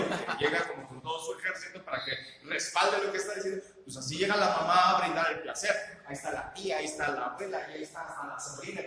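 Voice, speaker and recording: Speaking with a Mexican Spanish accent, a high-voiced man lectures a live audience in what sounds like a large, echoing hall, over steady background noise. He fills his points with rhetorical questions, seeks agreement through tag questions and acts out what parents say.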